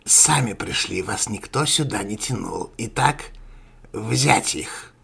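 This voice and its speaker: A man voicing a sinister male sorcerer villain in a crow mask, with a hoarse, gravelly voice and a gloating, menacing manner, in an audio story. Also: on the low side, animated, slow, a bit bright, heavily acted. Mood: gloating menace.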